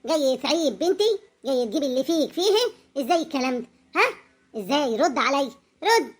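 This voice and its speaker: Brief: performer as an angry cartoon mother, Upper Egyptian accent, high and rapid. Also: animated. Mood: furious. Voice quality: scolding, confrontational. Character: fierce protective mother, older woman.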